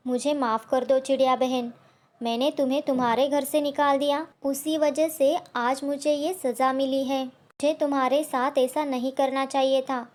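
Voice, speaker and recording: A selfish female crow from a cartoon story speaks in a high, sharp, bossy voice, as a woman reads her part. Her tone stays pushy and scheming. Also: level tone, normal speed, natural voice. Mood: remorseful.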